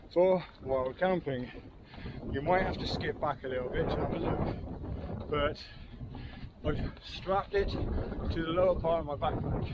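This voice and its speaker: A man's voice: fairly high pitch, muffled recording. A man in his fifties, out of breath, chatting casually to camera while hiking up a windy hill on a clip-on mic. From England. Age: 50s. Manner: chatty, rambling asides to viewers. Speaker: wild camping vlogger. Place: outdoors on a windy hillside. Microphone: clip-on wireless mic. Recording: loud wind noise outdoors.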